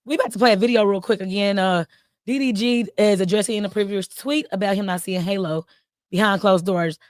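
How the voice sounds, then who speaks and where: A woman's voice: mid-range voice, fairly even intonation, fairly quick, no echo, studio quality. A woman hosting a casual gossip stream, giving blunt and slangy commentary. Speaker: host.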